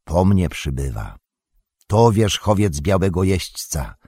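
A man voicing a solemn grey-bearded old male wizard in an audiobook, measured and commanding. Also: deep voice, very animated, a little mellow, breathy edge, no room sound, studio quality, heavily acted. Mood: proud. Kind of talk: audiobook character voice.

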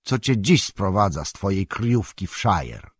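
A man reading an audiobook who voices a proud, scornful old male wizard lord, speaking slowly and grandly, as if declaiming. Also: low-pitched, big pitch swings, husky, dry recording, clean studio sound, exaggerated voice.

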